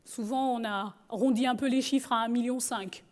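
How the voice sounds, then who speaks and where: High-voiced woman telling her story. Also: normal speed. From Gabon. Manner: humorous, lively storyteller. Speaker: speaker sharing her life story. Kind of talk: personal storytelling talk.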